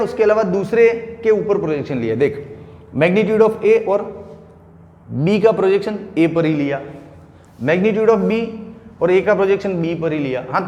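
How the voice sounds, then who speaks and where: A man teaching physics at a board in an informal, chatty way, calling students friend and repeating terms slowly so they can take notes. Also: high-pitched, darkish tone, lo-fi sound. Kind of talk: classroom lecture at a board. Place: classroom with a large board. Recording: echoey room with long reverb.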